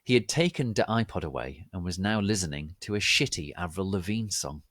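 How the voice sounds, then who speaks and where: A man performs a dramatic comic reading of fan fiction. His voice sits fairly low but moves up and down a great deal. The delivery is exaggerated and theatrical, in a dry, close sound. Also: lively intonation, a little fast, a bit bright, no echo. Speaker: reader.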